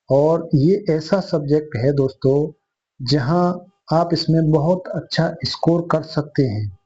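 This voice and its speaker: A man's voice: on the high side, dark tone, breathy edge, muffled recording. A man teaching an online quiz lesson, addressing viewers as friends and repeating each answer.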